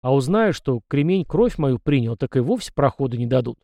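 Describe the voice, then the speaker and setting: A man voicing a brash young soldier hero in an audiobook, speaking in a lively, wry way. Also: mid-range voice, fairly quick, vocal fry, dry recording. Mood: confiding.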